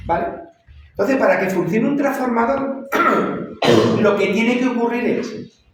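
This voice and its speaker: Man, lecturer, repeats and checks in, high-ish voice, distant mic. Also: measured pace, a little hiss or hum. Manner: repeats and checks understanding with "¿vale?". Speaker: university lecturer. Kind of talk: classroom lecture. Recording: echoey room, voice far from the mic.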